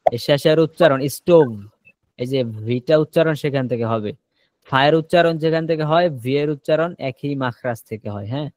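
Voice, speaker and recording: A man's voice: a little high, brisk, darkish tone, no echo. A man from Bangladesh teaching English in an online class on a video call, patiently repeating each word and its meaning.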